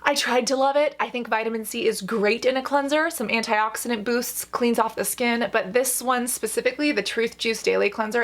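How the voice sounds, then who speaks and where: A woman's voice: fairly high pitch, creaky, fairly bright tone. A woman giving conversational reaction commentary as a skincare host, speaking in an emphatic, playful, opinionated way. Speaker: esthetician reviewing skincare as host.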